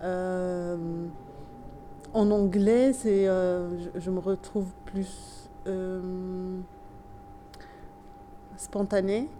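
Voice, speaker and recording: This is a woman from Tunisia speaking French with a subtle Tunisian accent, her first language being Tunisian Arabic, as she offers considered yet hesitant interview replies full of pauses and restarts. Her lowish voice is warm, steady, and a touch nasal, with a little background hiss or hum.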